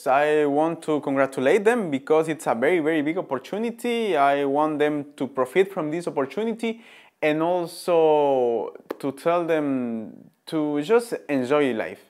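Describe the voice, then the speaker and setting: A man's voice: on the high side, lively intonation, a little slow, a little mellow, soft background music. A man in his twenties from Ecuador with a Spanish accent, answering interview questions thoughtfully with many fillers, seated in a studio. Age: 20s. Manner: thoughtful, hesitant with frequent fillers. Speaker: interviewed student. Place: indoor studio before a printed backdrop.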